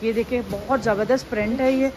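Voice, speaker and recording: This is a shopping vlog: a woman strolls a big, crowded clothing warehouse indoors, chatting upbeat and leaning on repeated fillers as she points out the merchandise. She speaks fairly quickly in a fairly high, fairly even voice, with crowd noise and store ambience behind her.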